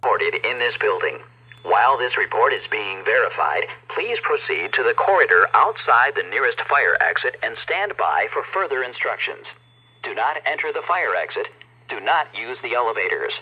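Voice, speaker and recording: A man's prerecorded evacuation instructions play over a fire alarm loudspeaker with a dull, lo-fi sound. His voice is husky, and his pitch moves a lot as he speaks in a formal, deliberate way. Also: sing-song. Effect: played over a building fire alarm loudspeaker. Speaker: recorded evacuation announcer. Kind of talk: prerecorded emergency announcement.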